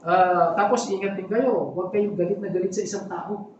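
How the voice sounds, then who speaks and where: A pastor giving a sermon, talking conversationally with frequent asides to the congregation. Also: male voice, sits high, steady tone, moderate pace, darkish tone, dull audio, a little hiss or hum. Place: church hall. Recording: echoey hall from far off.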